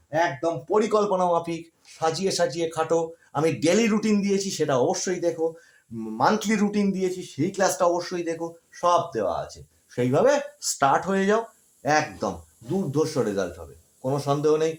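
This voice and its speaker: A man's voice: fairly high pitch, roomy sound. A man who tutors school students online, giving encouraging study advice and checking in with "ঠিক আছে?" as he repeats his points.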